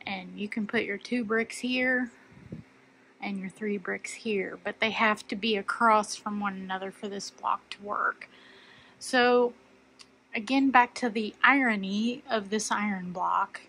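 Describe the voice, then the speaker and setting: This quilting tutorial host has a mid-range, unhurried voice with vocal fry, pushed and bright with a slightly rough edge. She talks through her thoughts as she measures and cuts fabric at the cutting table in her sewing room, captured on poor audio.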